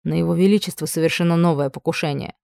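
A woman reading the part of a commanding noble dragon lord, speaking low, hushed and soft. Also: fairly even intonation, fast, vocal fry, no echo, studio quality.

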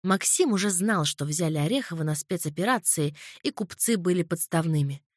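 A woman reading a crime novel in a calm, measured narration. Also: lowish voice, no room sound, studio quality. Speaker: audiobook narrator. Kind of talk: scripted narration.

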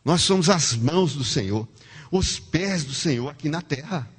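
Husky male preacher, lively pitch, in a reverberant church hall. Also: moderate pace. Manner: animated, calls the congregation to repeat words. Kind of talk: sermon.

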